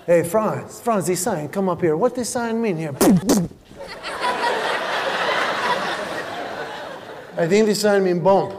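A comedian voicing a confused foreign male driver who talks in broken, halting phrases. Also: high-pitched. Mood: puzzled. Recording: live hall reverb with audience noise.

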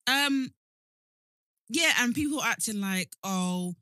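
A woman's voice: a little high, expressive, slow, bright, forceful tone, no room sound, studio quality. A woman with a London British accent co-hosting a casual, opinionated chat, speaking emphatically and repeating words for emphasis. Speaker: podcast co-host.

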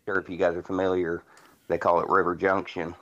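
A man's voice: low voice, level tone, brisk, fairly bright tone, lo-fi sound. A man in his forties from Indiana, a podcast guest telling his story casually, rambling with fillers and restarts. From Indiana, USA. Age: 40s.

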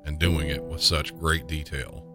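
A man with a deep Southern US accent, hosting a podcast in scripted true crime narration. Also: level tone, measured pace. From southern United States. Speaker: podcast host. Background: guitar music.

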